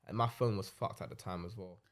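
Young male, London urban roadman accent, rapid slangy conversational storyteller, frequent "innit". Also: sits low, steady tone. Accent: London-style urban British, roadman slang. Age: young adult. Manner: slangy, tags sentences with "innit". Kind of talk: casual chat, anecdotes.

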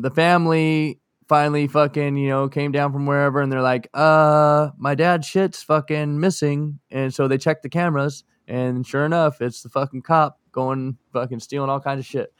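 A man's voice: mid-range voice, fairly even intonation, moderate pace, hardly any pauses, smooth, no room sound, studio quality. A man co-hosting a podcast in casual, crude banter full of swearing. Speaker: podcast co-host.

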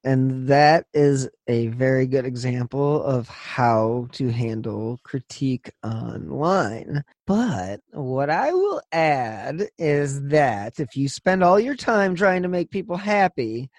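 A man's voice: medium pitch, expressive, takes it slowly, few pauses, darkish tone, dry recording. A man hosting a podcast who talks bluntly and swears freely in casual chat. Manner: blunt, profane, heated venting. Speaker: podcast host.

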